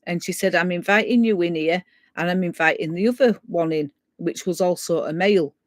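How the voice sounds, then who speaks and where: A woman tells a ghost story in a casual way, often clearing her throat and acting out the voices of the people she quotes. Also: on the low side, a little fast, no room sound. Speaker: guest storyteller.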